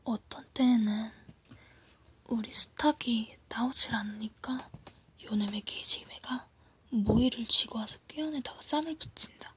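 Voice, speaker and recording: A woman reading a story as ASMR in a soft, hushed, breathy whisper, as if leaning in close to whisper. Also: on the high side, a little slow, slight background noise. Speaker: ASMR reader.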